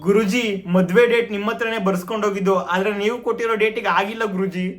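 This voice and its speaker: A man's voice: high-pitched, steady tone, racing, natural voice. A man playing a fussy village mother who pleads for a baby son, whining and repeating her plea. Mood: whiny. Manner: whiny pleading, repeats "guruji". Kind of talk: comedy skit acting. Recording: noisy home video recording.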